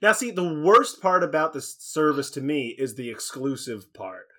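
Lively animated male podcast co-host. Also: a little high, normal speed. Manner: animated, laughs often. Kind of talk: casual chat.

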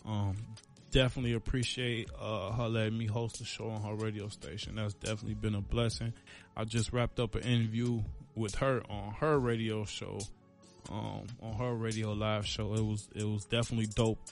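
A man's voice: on the low side, little pitch movement, normal speed, faint music behind. A man hosting his own podcast, talking casually in a rambling, laid-back way with lots of fillers and slang, a little out of breath. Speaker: podcast host. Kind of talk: casual solo podcast outro.

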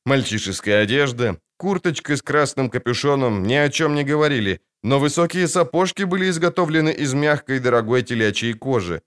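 A man narrating an audiobook with vivid, dramatic delivery. His voice sits at a middle pitch and moves through a wide, expressive melody. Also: fairly quick, few pauses.

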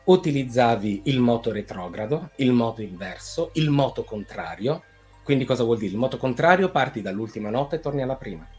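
A man who writes film scores explains his craft in a relaxed, conversational tone. He builds his points step by step with examples, even humming a melody. Faint music plays softly underneath. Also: mid-range voice. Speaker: film composer. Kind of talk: casual explanatory chat.

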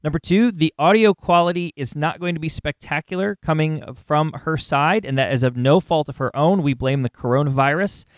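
A man hosting a podcast, talking conversationally with halting phrasing and repeated words. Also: a little high, no room sound, clean studio sound. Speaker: podcast host. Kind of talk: conversational podcast intro and interviewing.

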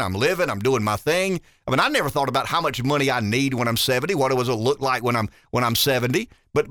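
A man in his fifties hosts a talk radio show, musing aloud in an animated, rambling way and tossing out rhetorical questions. His mid-range voice is recorded in studio quality with no echo.

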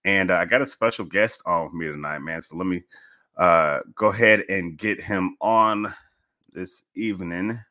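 Deep voiced guy hosting a sports podcast, real casual and slangy. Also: normal speed, bright, forceful tone. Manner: informal, colloquial, addresses guest as man. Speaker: podcast host.

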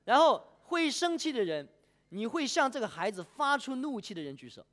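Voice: mid-range voice, moderate pace. A preacher delivering a sermon, asking the congregation questions and polling them by a show of hands. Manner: animated, poses questions and polls the congregation.

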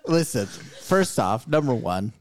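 A man playing a tabletop game, excitable and rambling, often laughing mid-sentence. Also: mid-range voice, slow pace, over a noisy crowd. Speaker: player. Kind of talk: casual tabletop play.

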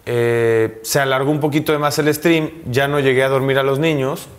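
Mexican man, 30s, interview guest, mid pitch, candid and halting. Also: fairly even intonation. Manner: candid, halting, many restarts and fillers. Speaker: interview guest, professional footballer. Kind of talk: casual conversational interview.

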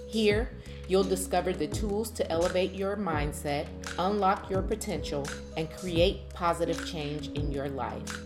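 A woman hosting a podcast as an affirmation coach, reading scripted motivational narration in an earnest, encouraging, measured way. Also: fairly low pitch, over music.

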